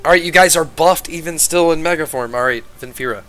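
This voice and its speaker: A man's voice: a little high, fairly quick, a bit bright. A man acting as game master, casually narrating and explaining a tabletop game to players.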